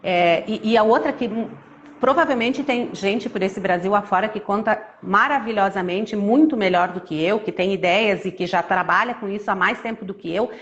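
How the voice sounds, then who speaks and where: A woman storyteller who tells a children's tale with lively, expressive intonation, then chats casually with frequent restarts. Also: mid-range voice, moderate pace, lo-fi sound, a little hiss or hum. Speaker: storyteller guest.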